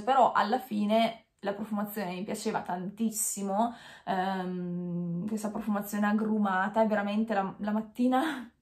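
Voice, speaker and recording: A woman in her thirties chatting casually to camera while wearing a dental retainer, hesitant and correcting herself as she goes. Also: medium pitch. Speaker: beauty vlogger. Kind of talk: casual chat unboxing to camera. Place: small indoor room with bare walls. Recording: echoey small room.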